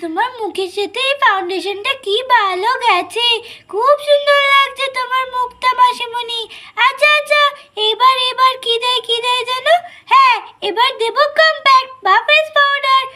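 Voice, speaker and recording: A woman doing squeaky little girls playing. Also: normal speed, sharp tone. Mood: busy. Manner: chattering, pleading, singsong. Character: bossy playful little girls. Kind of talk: doll play storytelling.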